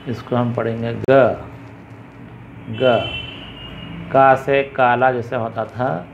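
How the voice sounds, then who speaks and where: A man with a gravelly voice teaches letters at a slow, patient pace, calling each sound out several times. The recording is dull and lo-fi, with a faint hiss behind him. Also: medium pitch, flat delivery. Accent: Indian Urdu. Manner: patient, repeats each sound loudly and slowly. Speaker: Urdu teacher.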